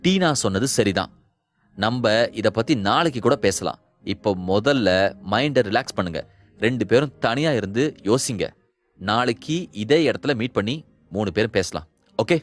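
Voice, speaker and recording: A man voicing a calm young man who gently persuades his friends to relax. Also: on the low side, moderate pace. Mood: soothing. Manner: soothing, persuasive.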